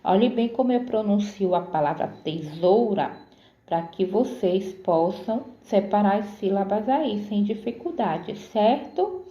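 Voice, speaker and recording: A woman's voice: medium pitch, expressive, dark tone, roomy sound, dull audio. A woman teaching a grammar lesson to pupils, sounding out words syllable by syllable and checking in often. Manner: slow, careful syllable-by-syllable explanations with frequent "certo?".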